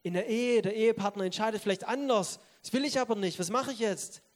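A man preaching a sermon, speaking straight to his listeners and swinging between loud stressed words and soft, quiet asides. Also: high voice, fast. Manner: emphatic, addresses listeners directly.

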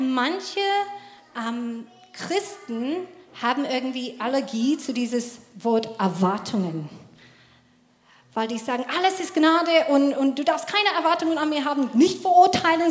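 A woman with a high, bright-pitched voice tells a lively parenting story in a casual faith talk. She laughs often and her German is slightly broken. The recording has a roomy, echoing sound. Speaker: mother telling a parenting story. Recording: roomy echo.

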